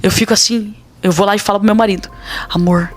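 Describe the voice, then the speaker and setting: A Brazilian woman pastor, mid-pitched, tells a personal testimony with earnest drama and acts out the dialogue. Faint music plays behind her. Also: steady tone, very fast. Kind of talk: personal testimony in a podcast interview.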